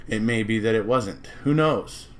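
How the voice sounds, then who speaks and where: A man's voice: fairly low pitch, normal speed. Rambling American man, casual commentary. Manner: rambling, circling back and repeating himself. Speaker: true-crime commentator. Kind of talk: casual speculative monologue.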